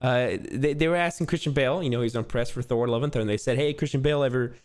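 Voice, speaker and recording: A man's voice: medium pitch, racing. A man co-hosting a casual film podcast, telling news stories and laughing often. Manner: laughs often, lively storyteller. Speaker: podcast co-host. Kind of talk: casual chat.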